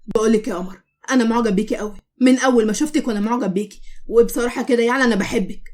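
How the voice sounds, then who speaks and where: Earnest young Egyptian suitor in a cartoon story, read by a woman. Quick delivery. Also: fairly high pitch, darkish tone, close to an everyday voice. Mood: tender. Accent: Egyptian Arabic. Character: young man, gentle devoted suitor.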